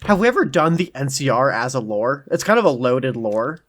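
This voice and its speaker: A man's voice: medium pitch, sing-song, fairly quick, fairly bright tone. A man co-hosting a podcast in casual chat, musing aloud and searching for words. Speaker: podcast co-host.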